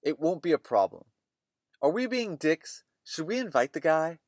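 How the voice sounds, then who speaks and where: A man voicing an anxious young wife, raising his pitch and sounding fretful. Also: very animated, moderate pace, darkish tone, no room sound, clean studio sound.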